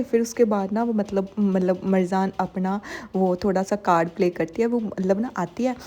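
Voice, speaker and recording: Young woman, casual drama-recap narrator, mellow voice, loose chatty delivery. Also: medium pitch. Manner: chatty, filler-heavy retelling with quoted dialogue.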